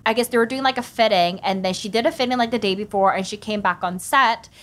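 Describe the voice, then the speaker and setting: A woman's voice: mid-range voice, fast, a bit bright. A woman co-hosting a podcast in casual chat. She walks through notes she has gathered, easygoing, and swears now and then. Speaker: podcast co-host.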